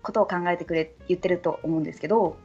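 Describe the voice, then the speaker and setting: A woman from Saga with a Kyushu dialect, hosting a podcast in casual chat and quickly chiming in agreement. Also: fairly low pitch, steady tone, darkish tone, slightly rough, muffled recording, faint music behind. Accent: Kyushu dialect, Chikugo-tinged. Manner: chatty, quick agreeing interjections. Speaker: podcast host.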